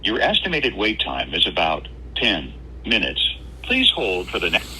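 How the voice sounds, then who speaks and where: A man's voice heard as a recorded phone menu message, giving automated pharmacy prompts in an even, announcing manner. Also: deep voice, a little slow, slight background noise, rough recording. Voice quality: evenly paced, announcing manner.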